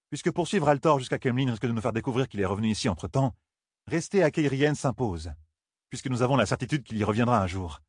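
A man's voice: medium pitch, husky, no echo, clean studio sound, pitched above the performer's own voice, lightly acted. A man voicing a precise, strictly logical woman in an audiobook. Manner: precise, reasoning. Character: cold, strictly logical woman, a queen-like leader.

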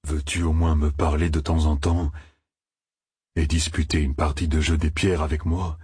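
A man voicing a patient, gentle giant male Ogier in an audiobook, calm and kindly. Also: a bass voice, moderate pace, breathy edge, no echo, clean studio sound, exaggerated voice. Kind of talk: audiobook character reading.

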